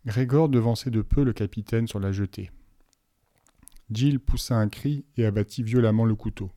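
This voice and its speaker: A man reads a novel aloud in a low voice, with even, measured storytelling. The recording is dry and close with no room sound. He keeps a steady pace through the tense passages. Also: dry recording. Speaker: audiobook reader. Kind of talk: audiobook narration of a novel.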